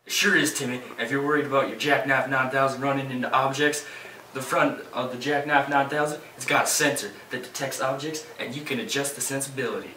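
A man's voice: mid-range voice, steady tone, fairly quick, sharp tone, natural voice. Young man doing an infomercial hard sell salesman, echoey room. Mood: salesy. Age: teens to young adult. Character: older salesman pitching a gadget to a boy. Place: small bare indoor office room. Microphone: camera a few feet away. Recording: echoey small room, distant mic, faint noise.

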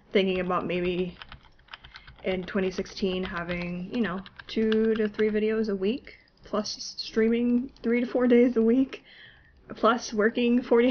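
Medium-pitched and congested with a cold, a woman's voice comes through dull audio carrying a bit of hiss or hum. As a gaming YouTuber recording on a desktop mic without a webcam, she keeps up casual, chatty commentary, laughing at herself while playing.

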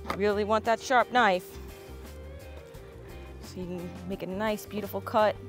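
Young woman, cheerful vlog host, step-by-step instructions, mid-pitched voice, light music underneath. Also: fairly even intonation, moderate pace. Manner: upbeat, enthusiastic, explains step by step. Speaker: fishing and cooking channel host.

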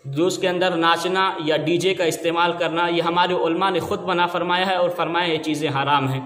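A man's voice: fairly high pitch, fairly even intonation, fairly bright tone, slight background noise. A man preaching an emphatic, argumentative religious lecture. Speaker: Islamic preacher. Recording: echoey room with long reverb.

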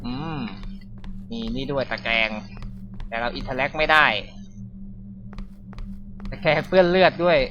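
A man's voice: mid-range voice, measured pace, long pauses, pushed and bright, dull audio, faint music behind. A man giving casual, reactive let's-play commentary on a horror game, with frequent exclamations. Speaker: gaming streamer.

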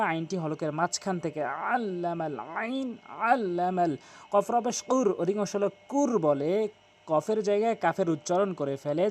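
A man teaching Quran pronunciation, spelling out letters slowly and repeating each correction. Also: sits high, darkish tone.

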